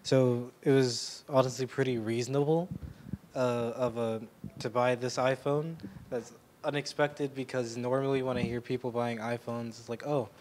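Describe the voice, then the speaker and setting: A male student in a classroom, explaining in a relaxed way how his interview went. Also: mid-range voice, moderate pace, slight background noise. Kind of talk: reporting back in class.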